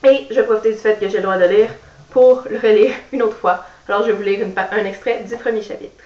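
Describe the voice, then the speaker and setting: A woman's voice: medium pitch, fairly even intonation, quick pace, a little mellow. A young woman from Quebec chatting casually on her vlog, with many fillers, who also reads aloud. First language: French. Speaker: book vlogger. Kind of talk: casual chat and reading aloud. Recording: roomy, distant, dull sound.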